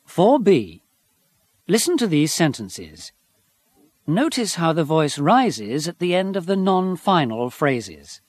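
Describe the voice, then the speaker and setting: A man narrates the steps of a pronunciation course. His delivery is slow and deliberate, and his voice sits slightly high with a lively rise and fall. The studio sound is dry. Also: dry recording. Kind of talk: scripted instructions for a pronunciation course.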